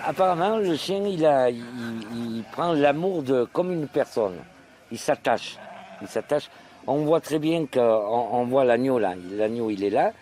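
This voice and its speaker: A man who farms sheep giving spontaneous interview testimony, halting and repeating his phrases. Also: medium pitch, animated, warm tone. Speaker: sheep farmer. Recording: noisy outdoor location recording. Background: bleating sheep and outdoor ambience.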